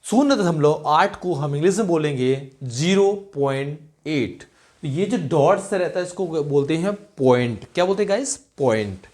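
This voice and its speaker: A man's voice: on the high side, expressive, moderate pace, darkish tone. A young man teaching in a video lecture, mixing Hindi and English, who asks rhetorical questions and repeats the answers.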